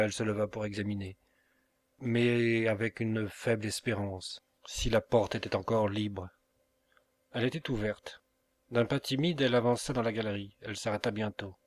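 A man narrating a novel as an audiobook reader, measured and unhurried with pauses. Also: fairly low pitch.

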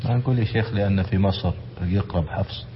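A man's voice: lowish voice, rapid-fire, slight background noise. A man, a student politely and hesitantly asking his teacher questions in class. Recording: dull, echoey lecture-hall recording.

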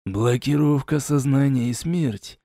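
A man reading the part of an experienced, guarded male warrior and earth mage, his lines slowed and set a little lower than the narration. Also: dark tone, no room sound, clean studio sound, lightly acted. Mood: probing.

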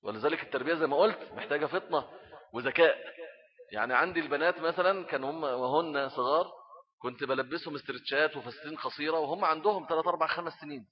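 A fast-talking middle-aged man with an Egyptian Arabic accent preaches on raising children. His voice sits a little high, and he acts out small scenes as he goes. The recording sounds dull and lo-fi. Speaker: Islamic preacher. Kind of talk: religious talk on parenting.

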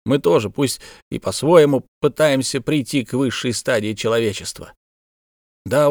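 Brief: male narrator as a composed alien captain for an audiobook, persuasive and even. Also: medium pitch, dry recording, studio quality, close to an everyday voice. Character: calm alien captain man, reasoning.

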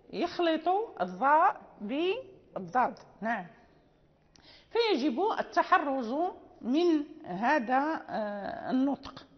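A woman teaching Quran recitation and tajweed, explaining slowly with pauses and recited examples. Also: high voice, big-room sound, dull audio. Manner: slow, careful explanation with many pauses and check-ins. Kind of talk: classroom lecture with recited examples.

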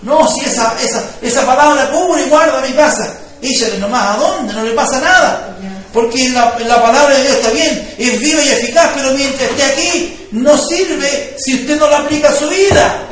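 Male pastor, very high voice, preaching from a distance in a booming reverberant hall. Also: normal speed, fairly bright tone. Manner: conversational preaching with rising fervor, frequent "¿me entiende?". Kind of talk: sermon. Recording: echoey room, voice from far off mic.

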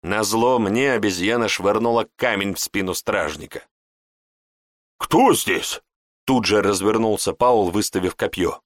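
A man narrating a fantasy audiobook in an even storytelling manner. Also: fairly low pitch, moderate pace, few pauses, no echo, clean studio sound. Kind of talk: scripted narration.

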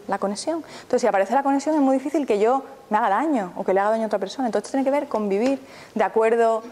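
A woman's voice: on the high side, darkish tone. A woman, a therapist giving a live mindfulness talk, who keeps turning to the audience with questions. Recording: reverberant hall, faint background noise.

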